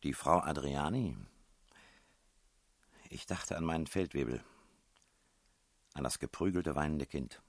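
A man reading a novel aloud as first-person narrator, with wry, measured storytelling. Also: rumbling low, no room sound.

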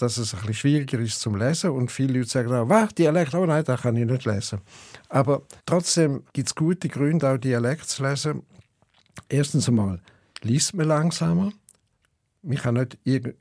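A poet with a St. Gallen Swiss German accent, talking thoughtfully in an interview and hesitating often. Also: male voice, medium pitch, a little mellow, no echo, clean studio sound. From eastern Switzerland. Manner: rhythmic, chanting recitation when reading poems. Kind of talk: interview and poetry reading.

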